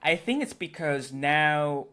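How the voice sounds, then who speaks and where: A young man from Thailand, a native Thai speaker, talking in a casual interview and pausing to search for words. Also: on the high side, lively intonation, sharp tone. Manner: hesitant, searching for words with many fillers. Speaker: interview guest. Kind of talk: casual conversation.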